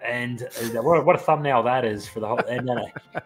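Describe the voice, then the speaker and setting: A man's voice: mid-range voice, fairly quick, faint music behind, low-quality recording. A male wrestling show co-host chatting casually and analytically, with enthusiasm and appreciation.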